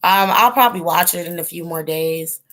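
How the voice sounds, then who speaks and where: This tarot channel host speaks at normal speed in a lowish, slightly bright voice. She rambles through a casual livestream with lots of ums and likes while talking with viewers, and her voice is giving out.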